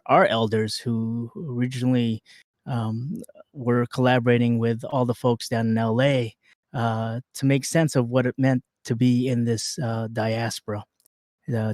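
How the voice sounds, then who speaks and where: Relaxed American man co-hosting a chat. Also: medium pitch, no echo, clean studio sound. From United States. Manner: relaxed, loose with many fillers. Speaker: podcast co-host. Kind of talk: casual chat.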